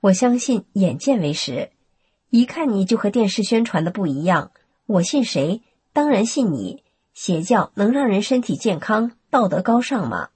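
A woman's voice: medium pitch, very animated, moderate pace, a little mellow, slightly rough, dry recording. A woman voicing a grateful, recovered young mother in a plain, earnest way within a narrated story.

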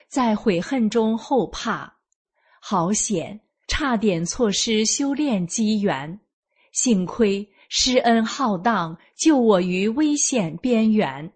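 A woman in her forties reading her own first-person account aloud in an earnest, measured way. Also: medium pitch, a little mellow, husky. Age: 40s. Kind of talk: scripted first-person narration.

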